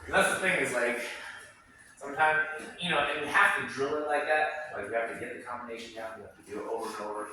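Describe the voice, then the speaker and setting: A man's voice: mid-range voice, fast talker, sharp tone, far from the mic. A man working as a boxing coach, casually explaining drills and calling out moves with punchy sound words. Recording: very echoey, noisy room, off the mic.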